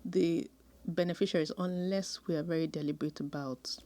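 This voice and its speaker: Woman guest expert, low pitch, thoughtful and measured, pauses often. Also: steady tone, mellow. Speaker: sociologist guest. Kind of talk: conversational interview answers.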